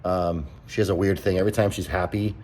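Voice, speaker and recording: A man's voice: deep voice, fairly even intonation, fast, a little mellow, poor audio. A young man talking in a casual vlog, blunt and exasperated, swearing freely as he rants. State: out of breath. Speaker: vlogger.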